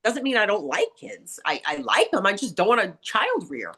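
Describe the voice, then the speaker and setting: A middle-aged woman with a raspy, grating, nasal voice, talking bluntly and candidly as an interview guest, acting out what people said. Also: mid-range voice, moderate pace. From New York area. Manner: blunt, animated storyteller who acts out quotes. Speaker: interview guest, salon owner and author.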